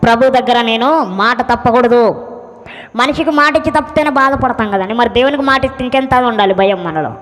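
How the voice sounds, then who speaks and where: A man's voice: very high voice, fairly quick, fairly bright tone. A male pastor telling his personal testimony as a sermon, earnestly acting out what others said to him. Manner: earnest storyteller who acts out the voices of others. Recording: long hall reverb.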